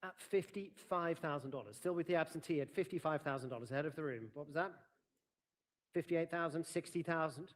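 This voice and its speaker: Man, auctioneer, fairly high voice, formal and courteous, measured bid calling. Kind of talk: live auction calling, reading lots and bids.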